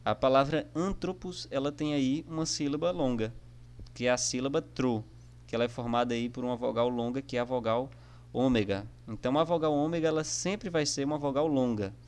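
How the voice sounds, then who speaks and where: A man teaches an online class in a relaxed, conversational way. His voice sits at a middle pitch, and he walks through each point patiently, often pausing to check in with his listeners. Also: smooth. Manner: friendly, repetitive, with frequent "né?" and "tá?" fillers. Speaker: online teacher of biblical Greek. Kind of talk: casual explanatory lesson.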